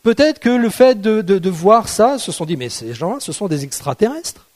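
Male preacher with a high voice, chatty and joking, checks in with the congregation often. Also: big pitch swings, moderate pace, darkish tone. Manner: conversational, asks the congregation rhetorical questions; playful, jokes with the audience. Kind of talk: sermon.

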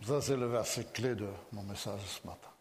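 A man's voice: lowish voice, moderate pace, husky. A man preaching a sermon. He talks in a hesitant way, often loses his place and repeats himself. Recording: long reverb of a large hall.

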